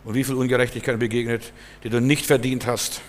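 A man preaching a sermon emphatically, his voice swinging between loud stresses and quieter passages. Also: medium pitch, level tone, a little fast. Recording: long hall reverb.

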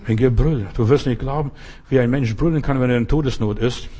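A pastor with a mid-range, mellow, slightly rough voice preaches briskly, speaking conversationally to each listener. He keeps checking whether they're following along.

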